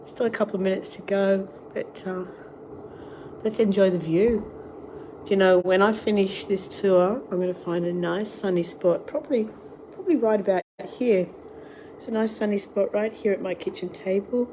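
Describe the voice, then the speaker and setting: Her voice is medium-pitched, steady and dark, at a moderate pace, in a low-quality recording. This middle-aged Australian host of online tours and cooking classes, suffering a cold and a fading voice, chats casually on a live cooking stream and welcomes every newcomer. The device camera picks up wind and ambient noise on the outdoor deck before she heads into her home kitchen.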